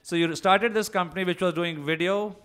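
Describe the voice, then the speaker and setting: A man's voice: high voice, fairly even intonation, a bit bright, clear, resonant tone. A man from India hosting a radio talk show in a studio, upbeat and emphatic. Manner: upbeat, emphatic, fast-talking. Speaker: host.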